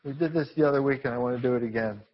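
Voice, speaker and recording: Husky-voiced man preaching a sermon. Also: medium pitch, rapid-fire, muffled recording. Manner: animated preaching with repetitions and rhetorical questions. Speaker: pastor. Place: church.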